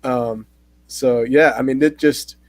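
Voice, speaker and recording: A man hosting a casual movie-review chat, relaxed and animated when he gets going. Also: mid-range voice, takes it slowly, no echo. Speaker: host.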